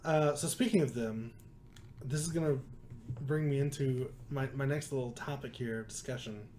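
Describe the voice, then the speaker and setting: A man co-hosting a podcast, telling an animated story in casual chat and laughing often. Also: medium pitch, normal speed, a little hiss or hum. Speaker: podcast co-host.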